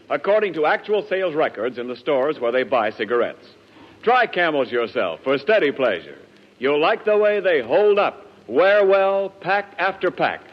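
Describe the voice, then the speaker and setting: Old radio ad guy selling hard, a bit husky, lively, echoey hall. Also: on the high side. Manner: brisk, persuasive. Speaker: announcer. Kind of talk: 1940s radio ad read. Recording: dull 1940s radio broadcast in a hall.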